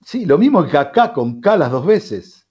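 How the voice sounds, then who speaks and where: Very animated and a little slow, this man's voice sits a little high and is a little mellow and husky. He hosts a sports radio show in a radio studio with an Argentine Spanish accent, rambling casually with lots of fillers and restarts. The audio is dull.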